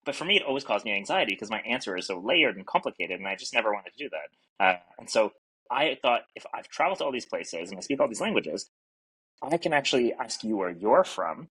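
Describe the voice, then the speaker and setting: A middle-aged man from Canada, French being his native tongue, talks fast in a lowish, very animated voice with a fairly bright tone and a breathy edge. As a podcast guest in casual interview talk he is earnest and reflective with lots of fillers, and the podcast mic recording is low quality.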